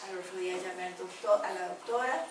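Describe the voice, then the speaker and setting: A woman's voice: fairly low pitch, a little fast. A woman telling an emotional personal faith story, full of fillers. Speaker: group member sharing testimony. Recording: echoey room, distant mic, background noise.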